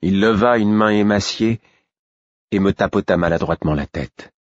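A man reading a first-person fantasy story aloud in a measured, even way. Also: lowish voice, no echo. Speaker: audiobook narrator. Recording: dull, muffled audiobook sound.

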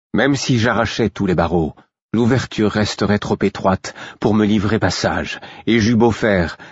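A man narrating a first-person audiobook in a steady, measured way. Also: lowish voice, slightly rough, no room sound, dull audio.

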